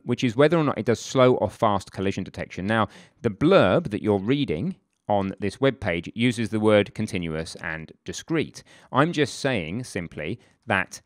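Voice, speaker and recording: A man's voice: lowish voice, no room sound, clean studio sound. A man teaching game development in an informal, chatty screen-recorded tutorial, with frequent asides and self-corrections.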